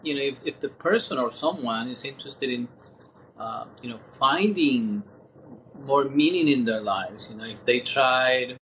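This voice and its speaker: A man in his sixties talks as an interview guest, thoughtful and unhurried in his reflection. He halts and pauses as he gathers his words, in a middle-pitched voice. A faint hiss sits behind him. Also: a bit bright, low-quality recording. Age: 60s. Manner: thoughtful, halting, many pauses.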